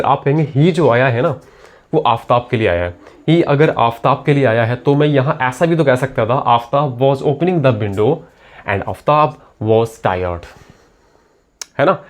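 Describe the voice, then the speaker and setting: A man gives a grammar lesson in a medium-pitched voice. He talks his students through each point, repeats the key words and asks questions that he answers himself. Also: a little mellow. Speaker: English grammar teacher. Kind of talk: classroom lesson explanation.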